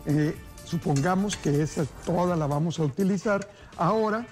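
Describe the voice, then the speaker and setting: Speaking to viewers as if they were family, a forties-aged TV cook chats in an upbeat, folksy way from his studio kitchen. His voice sits high with a darkish tone at a moderate pace, recorded on a lapel mic over faint music.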